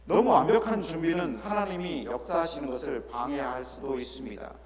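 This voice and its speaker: Pastor preaching in an echoey church. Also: male voice, a little high, a little fast, crowd noise. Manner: earnest, rhetorical questions, drops to soft asides. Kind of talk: sermon. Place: church sanctuary. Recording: echoey church hall with congregation.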